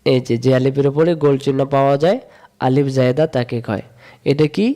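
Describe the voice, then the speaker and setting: A man from Bangladesh, teaching a step-by-step recitation lesson, repeating rules in a sing-song chant and drawing sounds out slowly. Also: mid-range voice, mellow. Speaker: Quran reading teacher.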